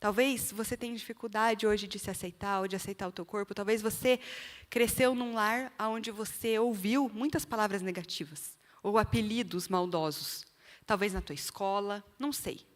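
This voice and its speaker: A woman with a Brazilian accent gives an earnest church testimony in sermon style, appealing directly to the listeners. Her mid-range voice keeps a fairly even intonation at a moderate pace. The church hall adds a long reverb.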